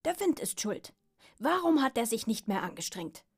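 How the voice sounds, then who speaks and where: A woman voicing a boastful, stubborn male pug dog in a storybook reading, in a loud, blustering manner. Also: on the high side, big pitch swings, normal speed, husky, exaggerated voice. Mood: indignant.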